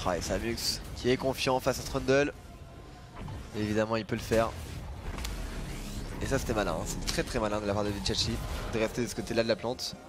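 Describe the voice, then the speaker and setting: With music under his voice, a male esports caster provides live, excited play-by-play and analysis. His voice is on the low side and steady, a little fast, with frequent pauses, and he stresses his points emphatically, often repeating phrases for effect.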